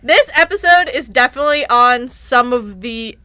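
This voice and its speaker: A woman podcast co-host in casual, animated chat, with an emphatic and giggly way of talking. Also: a little high, normal speed, smooth, no echo.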